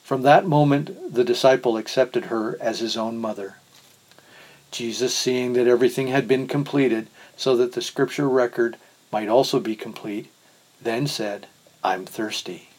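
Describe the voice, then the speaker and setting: A man giving a measured, solemn reading of scripture. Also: mid-range voice, a little mellow, rough recording. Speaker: scripture reader.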